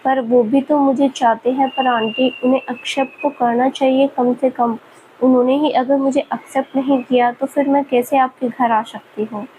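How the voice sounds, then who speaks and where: Brief: gentle young female student, read by a woman narrator, high voice. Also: flat delivery, normal speed, a little hiss or hum, lightly acted, low-quality recording. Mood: sad. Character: young woman student, shy then playful.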